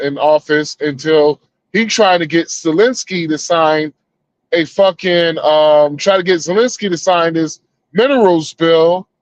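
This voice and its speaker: Man on a video call, high-ish voice, casual profane rambling. Dull, dry call sound. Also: no echo. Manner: rambling and profane, with many restarts. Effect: heard over a video call, breaking up. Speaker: co-host on a live stream. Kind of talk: casual political rant.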